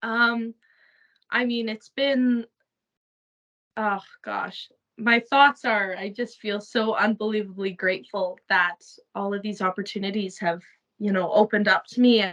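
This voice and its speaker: A woman's voice: mid-range voice, steady tone, unhurried, fairly bright tone, lo-fi sound. A young woman from Saskatchewan with a Canadian accent, chatting in an interview with many fillers and frequent laughs. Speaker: actress interviewee. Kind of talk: casual interview chat.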